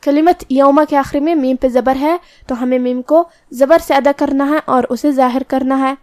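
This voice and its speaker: A woman teaching Quran recitation rules in a tajweed lesson, explaining each letter step by step and chanting verses slowly. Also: high voice, steady tone, darkish tone, no echo, studio quality.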